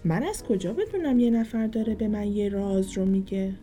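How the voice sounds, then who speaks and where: A woman voicing an excited, curious little girl in a storybook, high and eager. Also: faint music behind, close to an everyday voice.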